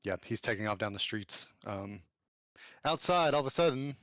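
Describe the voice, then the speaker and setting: A man narrating as game master in an online tabletop game, casual and loose, with fillers and quick self-corrections. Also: on the low side, lively intonation, fairly bright tone, no room sound.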